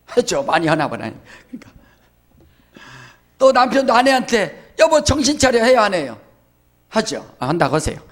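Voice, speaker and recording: A man's voice: high voice, very animated, moderate pace, pauses often, a bit bright. A man preaching a sermon as pastor, who acts out the quoted speech of others and keeps asking the congregation questions.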